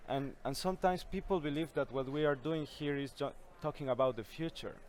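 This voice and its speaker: A man's voice: a little high, brisk, a little mellow. A young man, speaking earnestly as an interview guest at a conference. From Ecuador. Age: young adult. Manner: earnest, with a few restarts. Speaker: youth climate coalition founder, guest. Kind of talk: conversational interview answers. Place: busy conference venue.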